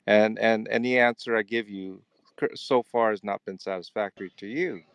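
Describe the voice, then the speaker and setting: A man in his fifties from Los Angeles, defending himself in a live debate with measured, polite, wordy protests. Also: fairly low pitch, fairly even intonation, clear, resonant tone, no room sound. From Los Angeles, United States. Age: 50s. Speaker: debate participant.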